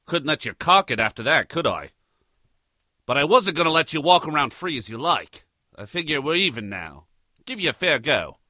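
A man's voice: a little high, very animated, moderate pace, bright, forceful tone, no room sound, studio quality, exaggerated voice. A man playing a brash Aussie adventurer. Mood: cocky. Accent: Australian. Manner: brash, joking, full of slang. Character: brash Australian male adventurer, boastful and cheeky. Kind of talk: audio drama acting.

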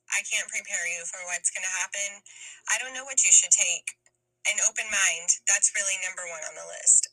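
A woman's voice: mid-range voice, bright, forceful tone, low-quality recording. A woman giving casual, emphatic tips as an experienced camper, repeating her main points. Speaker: camp regular giving packing tips. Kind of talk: casual advice.

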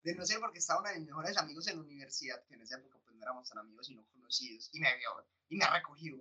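A young Colombian man telling stories on a podcast, animated and casual, cursing as he goes. His voice is bright and forceful, with a husky edge and a slightly high pitch. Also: rapid-fire. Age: young adult. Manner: lively storyteller, swears casually. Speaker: podcast co-host. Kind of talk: casual chat, telling anecdotes.

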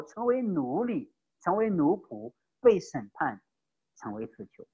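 A man passionately preaches an evangelistic sermon, moving between loud, emphatic peaks and hushed, low phrases. The audio is slightly rough and dull.

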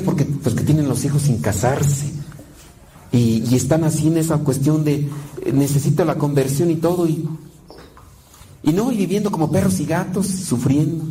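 A man's voice: mid-range voice, warm tone, poor audio. A man preaching a sermon in a conversational way, often asking "right?" and acting out quoted lines. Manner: conversational, with tag questions and quoted asides.

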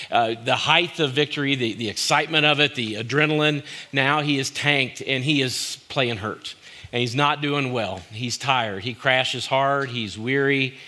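A man's voice: medium pitch, bright, forceful tone. A male pastor preaching a sermon in short, repeated phrases for emphasis, with informal asides.

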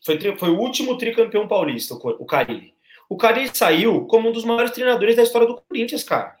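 A man's voice: sits high, expressive, quick pace, reverberant. A man on a football podcast panel, arguing his point emphatically and repeating phrases for stress. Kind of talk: casual football debate.

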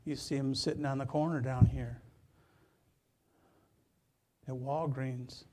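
A man's voice: mid-range voice, fairly even intonation, takes it slowly, darkish tone. A man from Michigan preaching a sermon as pastor, talking casually with the congregation, joking with listeners and often repeating words as he starts a phrase. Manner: conversational, joking asides to congregation.

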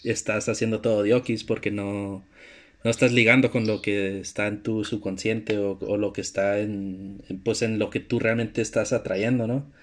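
Low-voiced Mexican podcast host. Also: male voice, normal speed. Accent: Mexican Spanish. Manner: relaxed, conversational, slang. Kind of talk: casual interview chat.

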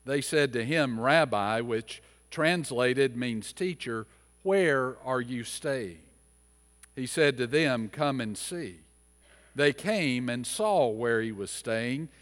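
A man, a pastor, reading scripture aloud and then preaching a sermon, measured in his reading and more animated when he explains the passage. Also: medium pitch. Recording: long reverb of a church hall.

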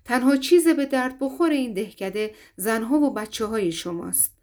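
A woman voicing a stern, commanding male Viking chief in a storybook reading, speaking low and firm. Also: lively intonation, darkish tone, natural voice.

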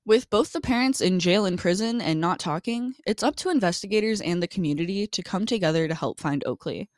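A woman's voice: lowish voice, expressive, brisk, no room sound, studio quality. A young adult woman co-hosting a true crime podcast, reading case details and venting bluntly with swearing. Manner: reads case facts then vents bluntly with swearing. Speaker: podcast co-host.

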